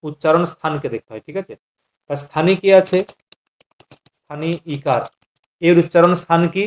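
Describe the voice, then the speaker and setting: A man's voice: a little high, moderate pace. A man teaching Sanskrit grammar in an online class, patiently quizzing his students and repeating each point.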